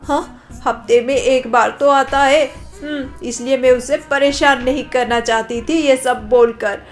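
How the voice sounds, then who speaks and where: A woman's voice: high-pitched, fairly even intonation, a little slow, soft background music. A woman voicing a fretful scolding mother-in-law. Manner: nagging, fretful, pleading. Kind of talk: cartoon story voice acting.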